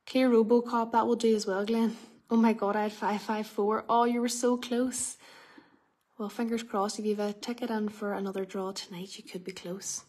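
A woman hosting a live prize draw in a chatty bingo-caller style, calling out numbers slowly and repeating them. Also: medium pitch, flat delivery, darkish tone.

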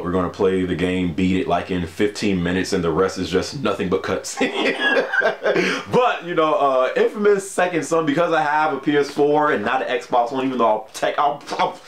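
This gaming vlogger's voice sits on the low side and sounds animated, moving at a moderate pace in an echoey room with a little hiss or hum. He chats laid-back to the camera about video games, laughing a lot and leaning on fillers like "you know."

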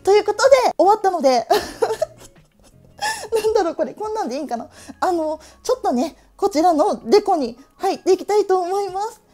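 A cheerful woman in her late thirties talks to her viewers in a very high voice with a Tokushima Awa-dialect accent, laughing easily between her remarks. Her tone is soft and mellow, and light music plays faintly behind her. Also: lively intonation, a little fast. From Tokushima, Japan. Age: late 30s. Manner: cheerful, chatty, laughs often. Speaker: stationery vlogger. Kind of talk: casual chat to camera.

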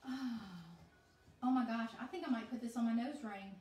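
A woman's voice: fairly high pitch, moderate pace, a little mellow. Gushing woman, echoey kitchen. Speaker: host of an essential oils unboxing. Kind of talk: casual unboxing chat on a livestream. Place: home kitchen, indoors. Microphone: phone camera across the counter. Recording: echoey kitchen, heard from a distance.

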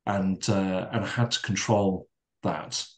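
A middle-aged man, a podcast guest, reflecting calmly in conversation with frequent fillers and restarts. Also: low-pitched. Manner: calm, measured, with many restarts and fillers.

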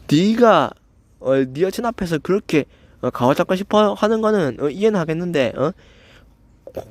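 Young guy with a stammer going off at a hater, kinda high voice, super dry close mic. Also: no echo. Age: young adult. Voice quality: stammers, slightly slurred pronunciation. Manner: confrontational, swearing, constant filler "eo". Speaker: channel host. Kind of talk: angry rant at a commenter.

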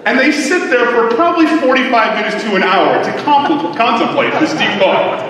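A man giving a conference talk to a live audience, joking and tossing quick asides to the crowd. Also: very high voice, big pitch swings. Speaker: conference speaker. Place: large conference hall. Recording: echoey hall from far off.

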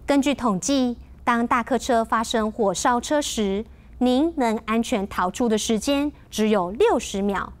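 A woman with a Taiwanese Mandarin accent narrating in the scripted style of a flight safety demo, measured and instructional. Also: on the high side. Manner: clear, measured instructional delivery.

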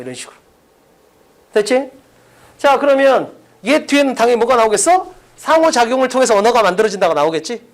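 A man teaching an English class in a casual, blunt way, quizzing students by name. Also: very high voice. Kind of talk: classroom lecture.

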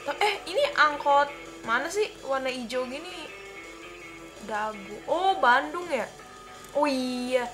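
A young woman from the Jakarta area telling a rambling story while playing a game, often breaking off to react loudly to what happens on screen. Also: a little high. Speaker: gameplay commentator. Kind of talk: casual gameplay commentary and storytelling.

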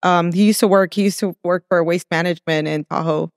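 Man from Mexico raised in California, interview guest, soft-spoken, hesitant, smooth voice, dry close sound. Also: high voice, steady tone, no room sound. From born in Mexico, raised in California. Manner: soft-spoken, hesitant, reflective, frequent pauses. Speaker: guest, restaurant entrepreneur. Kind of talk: casual interview conversation.

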